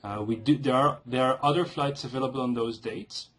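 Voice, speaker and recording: A man with a husky, mid-pitched voice speaks as a customer on a service call. He is formal and insistent, laying out his complaint in halting phrases. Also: fairly bright tone. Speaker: customer calling an airline.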